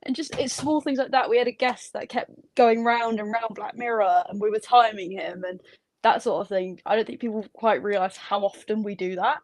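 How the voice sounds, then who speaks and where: A woman with a middle-pitched voice chats openly as a guest on a studio interview. She talks about her work in a casual, candid way. The recording is close and dry. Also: fairly even intonation, normal speed, darkish tone, no echo. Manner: chatty, candid. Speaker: theme park ride operator, guest.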